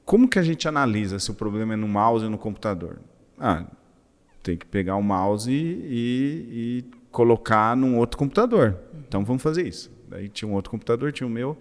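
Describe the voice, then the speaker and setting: A male host talking casually and a little hesitantly, with frequent fillers. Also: medium pitch. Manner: relaxed, hesitant with many fillers. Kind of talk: casual conversation. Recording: roomy reverberant room.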